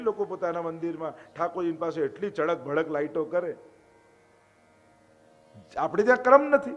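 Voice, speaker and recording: Gujarati male spiritual teacher, conversational sermon, rhetorical questions, slightly high voice, reverberant hall. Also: darkish tone, muffled recording. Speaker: Vaishnav acharya giving a discourse. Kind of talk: devotional discourse.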